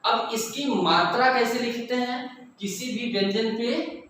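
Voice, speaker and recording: A man with a high voice teaching children. He talks slowly and deliberately and repeats every sound. He is recorded from a distance in a very echoey room, with a faint hiss behind him. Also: fairly bright tone. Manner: slow, deliberate, repeats each sound to pupils. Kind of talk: classroom lesson for children. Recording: echoey room, mic far off, faint noise.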